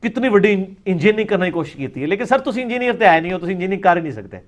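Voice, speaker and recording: A man's voice: sits high, lively intonation. A man giving a religious lecture, arguing and mocking his opponents' views. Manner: mocking, argumentative, mimics opponents.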